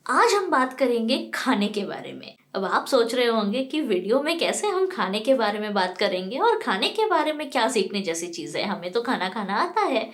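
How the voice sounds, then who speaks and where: A woman's voice: on the high side, sing-song, normal speed, hardly any pauses. An Indian woman teaching pronunciation in a casual lesson, spelling words out letter by letter and quizzing the viewer. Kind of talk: casual lesson mixing Hindi and English.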